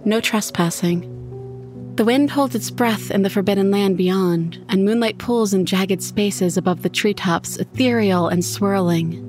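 A woman reading a first-person horror story in an intimate, expressive way. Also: mid-range voice, a little slow, soft background music. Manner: intimate, expressive, voices her own character's lines. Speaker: narrator.

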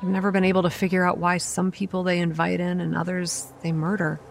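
The lead of this horror audio drama is a stubborn, guarded, hot-tempered young woman running a campground, speaking in first-person narration and dialogue over faint music. Her low, creaky voice is brisk and completely flat in delivery, though her storytelling stays earnest and dramatic with a sardonic bite. The mood is troubled and tender.

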